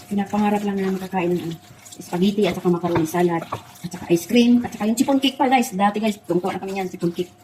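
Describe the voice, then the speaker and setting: A woman's voice: mid-range voice, fairly quick, a little mellow, slight background noise, rough recording. Chatty middle-aged woman vlogging in her kitchen. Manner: chatty, keeps calling out to her viewers; tearful and laughing while she reminisces. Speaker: cooking vlogger. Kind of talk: casual cooking chat and personal storytelling.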